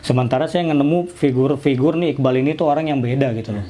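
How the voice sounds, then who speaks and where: A man telling his own story in a casual interview, acting out conversations in lively slangy speech. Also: mid-range voice, quick pace. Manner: animated, acts out dialogue in slangy speech. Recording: faint background noise.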